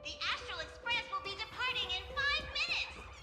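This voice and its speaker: Fussy small conductor, loudspeaker announcement, very high squeaky voice, formal clipped calls, game music behind. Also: female voice, big pitch swings, normal speed. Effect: announcement over a loudspeaker. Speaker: train conductor making announcements. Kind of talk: video game voice acting.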